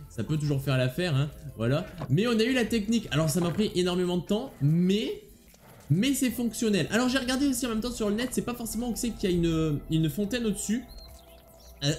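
A man's voice: sits high, darkish tone. A man hosting a gaming video, chatting casually to viewers as he plays and playfully taunting the monsters he fights. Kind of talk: casual gameplay commentary.

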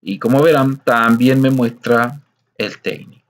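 A man's voice: mid-range voice, a little slow. A man teaching a screen-recorded coding lesson, explaining patiently step by step and often checking in with listeners.

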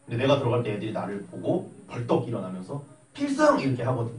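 A young man teaching math in a classroom, telling an animated story and acting out the voices. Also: mid-range voice, racing. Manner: animated, acts out voices while telling stories. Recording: echoey room, mic at a distance.

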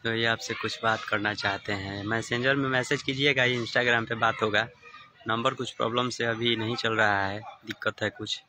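A man with a Bhojpuri accent, a singer and songwriter hosting a casual live stream. He speaks softly and easily, greeting his viewers by name and chuckling often. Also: medium pitch, moderate pace, a little hiss or hum. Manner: soft-spoken, relaxed, chuckles often.

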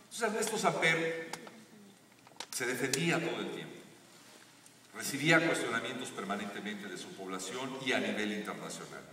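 A man giving an earnest, motivational talk on a theater stage, building to emphatic high points, recorded from the audience. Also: expressive, moderate pace, pauses often, pushed and bright, slight background noise. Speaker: guest speaker on a live stage talk. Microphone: stage PA, recorded from the audience seats. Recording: echoey theater audio from far off.

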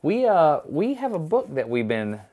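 A man's voice: on the high side, huge pitch swings, moderate pace, dark tone. A man in his thirties hosting casually to camera in a home room on a lapel mic. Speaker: host. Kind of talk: casual presenter talk to camera.

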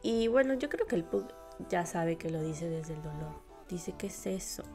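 A woman reading a manga aloud and reacting casually, swinging between loud exclamations and soft murmurs. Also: fairly low pitch, expressive, unhurried, over music.

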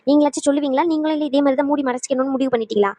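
A woman's voice: sits high, very fast, mellow, dry recording, lightly acted. A woman voicing a suspicious young wife in a cartoon, pressing for answers. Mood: demanding. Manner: demanding, pressing questions.

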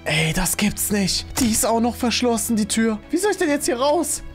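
A man giving scared, jumpy commentary on a horror-themed game, swinging between high panicked yells and low fearful muttering while talking to his viewers. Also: sing-song, moderate pace, music in the background. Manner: keeps talking to viewers as friends. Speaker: gaming YouTuber.

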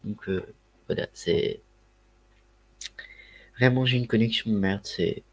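A man's voice: on the low side, slow. A man with a Ch'ti accent chatting casually on a livestream through a headset mic, rambling with lots of fillers and slang. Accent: Ch'ti (northern French). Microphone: headset microphone.

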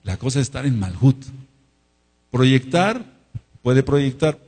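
A man's voice: medium pitch, very animated, slow pace, darkish tone, breathy edge. A man preaching a sermon, drawing out words for emphasis and asking the congregation to repeat after him. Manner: calls for repetition and amens from congregation. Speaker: pastor.

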